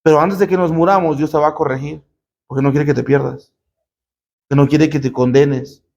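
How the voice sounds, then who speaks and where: A man's voice: a little high, steady tone, moderate pace, gravelly, a little mellow. A man preaching a sermon to a congregation as pastor, emphatic, with rhetorical questions and call-and-response. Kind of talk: sermon teaching.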